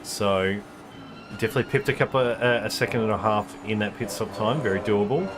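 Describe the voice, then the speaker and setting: Low-voiced man commentating a sim race. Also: brisk, over music. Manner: thinking aloud, explaining tyre details with many ums.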